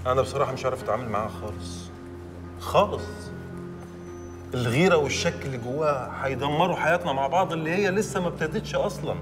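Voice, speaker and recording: An actor playing an exasperated young newlywed husband, speaking with an Egyptian Arabic accent in a rapid, pleading way. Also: male voice, fairly high pitch, distant mic, close to an everyday voice. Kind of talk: film drama acting. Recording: film soundtrack music behind.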